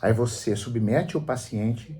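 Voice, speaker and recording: Brazilian man explaining on the radio, mellow. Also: mid-range voice, unhurried. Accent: Brazilian Portuguese. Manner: didactic, storytelling, emphatic. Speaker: psychologist guest on a radio show. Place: radio studio.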